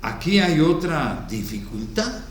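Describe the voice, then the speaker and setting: A male pastor reads scripture and comments on it in a slow, deliberate sermon. His pitch rises and falls widely as he stresses key words. The recording is heavy with hall echo and carries a faint background hiss. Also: big pitch swings, far from the mic. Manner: reads verses aloud, then comments on them slowly and emphatically. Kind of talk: sermon, reading and explaining scripture. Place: church hall. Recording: very echoey hall.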